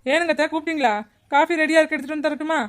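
A woman's voice: high voice, steady tone, rapid-fire, lightly acted. A woman voicing a grown daughter-in-law and mother who defends herself and pleads her case in a family quarrel. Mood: defensive.

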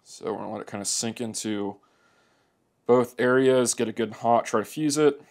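A man demonstrating a motorcycle plastic welding repair speaks in a mid-range voice with a darkish tone and moderate pace. He's laid-back and straightforward, narrating the how-to as he works inside his workshop.

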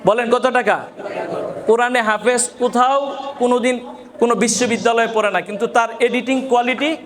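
A man's voice: very high-pitched, steady tone, brisk, noisy background. A man from Bangladesh, an Islamic scholar, gives a farewell motivational speech to students and keeps asking them rhetorical questions. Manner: asks the audience rhetorical questions.

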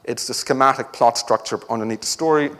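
A man's voice: mid-range voice, a little fast, a bit bright, in a large hall. A man giving an academic conference talk with a wry, joking delivery. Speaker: conference speaker. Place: lecture hall.

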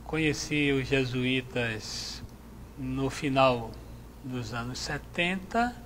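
A middle-aged man, a Jesuit priest from Salvador, answering interview questions in a measured, reflective way on a lapel mic in a TV studio. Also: mid-range voice, lively intonation, fairly bright tone, slight background noise. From Salvador, Bahia, Brazil. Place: TV studio with chapel set.

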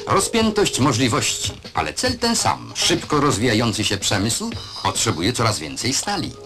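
A man's voice: mid-range voice, wildly swooping pitch, moderate pace. A man reading voice-over for a 1970s state newsreel, in a proud, declamatory manner that poses rhetorical questions. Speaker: newsreel narrator. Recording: archival newsreel soundtrack with music underneath.

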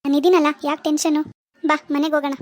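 Woman doing a bossy rich mom in a cartoon, scornful and pushy, very high voice, talks fast. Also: flat delivery, a little mellow, close to an everyday voice. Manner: scornful, dismissive, brash. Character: rich, haughty mother of adult daughter. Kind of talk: Kannada cartoon drama voicing.

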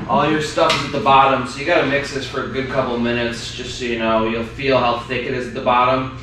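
A man's voice: mid-range voice, level tone, fast, bright, forceful tone, slight background noise. A young man hosting a do-it-yourself video, explaining his repair job casually to viewers he calls guys, filmed on an action camera. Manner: chatty, addresses viewers as guys. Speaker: DIY video host. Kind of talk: casual how-to narration. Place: outdoors by a truck, then inside a metal walk-in cooler. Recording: roomy sound with music behind.

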